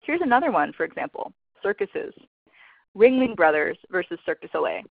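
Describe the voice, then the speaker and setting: A woman's voice: fairly low pitch, very animated, brisk, creaky, no echo. A woman giving a fundraising webinar presentation in a casual, conversational way, with lots of fillers. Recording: dull lo-fi dry webinar audio.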